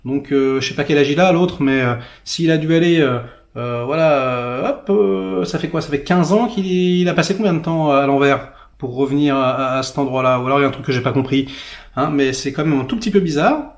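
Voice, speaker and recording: A man ranting through a movie review in a sarcastic, crude way, full of fillers and slang. His voice sits a little higher than most men's. The sound bounces around an echoey room. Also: a little fast. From France. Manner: vulgar, sarcastic, many fillers. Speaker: film critic. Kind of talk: casual rant-style movie review.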